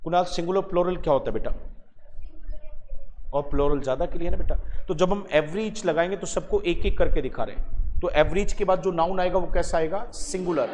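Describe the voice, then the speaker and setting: Man, teacher, higher-pitched voice, coaxing students, echoey hall, background noise. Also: brisk, a little mellow. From Haryana, India. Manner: coaxing, keeps quizzing students by name, calls them beta. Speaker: English teacher. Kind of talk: classroom lesson. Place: large classroom with students.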